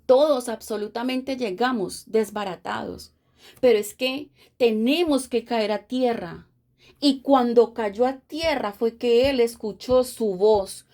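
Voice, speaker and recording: Woman pastor, higher pitch, impassioned preaching cadence. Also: takes it slowly, dark tone. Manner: impassioned preaching with repeated phrases. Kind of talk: sermon.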